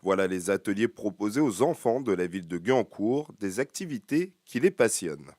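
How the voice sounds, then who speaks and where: A man presenting and narrating local television news reports in a measured, scripted way. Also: on the low side, sing-song, darkish tone, dry recording.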